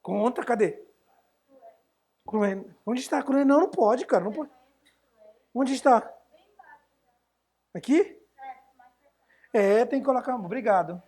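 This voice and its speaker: A man's voice: extremely high pitch, animated, measured pace, long pauses, a little mellow, husky. A man teaching an essay-writing class live online, chatting casually and answering viewers' questions as he goes.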